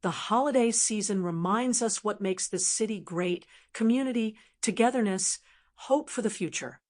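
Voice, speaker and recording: Woman doing a smooth-talking businessman speechifying. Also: normal speed, natural voice. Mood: oratorical. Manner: booming, practiced warmth. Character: smooth, lying male businessman making a speech.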